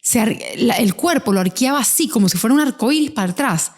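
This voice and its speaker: A woman hosting an interview, telling a family story in a lively, animated way. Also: fairly high pitch, fairly quick. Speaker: host. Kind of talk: conversational interview.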